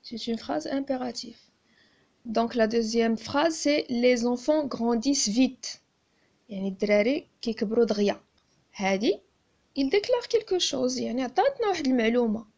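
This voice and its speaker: A woman with a Moroccan accent teaching a grammar lesson, speaking slowly and deliberately and repeating key terms. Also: on the high side, animated, creaky, a little mellow. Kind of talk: classroom-style grammar lesson.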